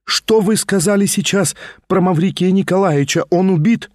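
A man's voice: high voice, normal speed, darkish tone, dry recording, pitched above the performer's own voice, natural voice. A frightened young noblewoman pleads in a raised, shaking voice, as a male reader puts her on. The storybook reading sounds close and dry. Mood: anxious. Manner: pleading, anxious.

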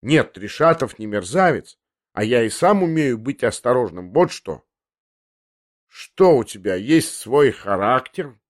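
A man's voice: medium pitch, very animated, a little slow, no echo, clean studio sound. A man reading an audiobook, voicing a proud, slightly tipsy teenage boy who answers with indignant defiance. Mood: defiant. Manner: challenging, indignant.

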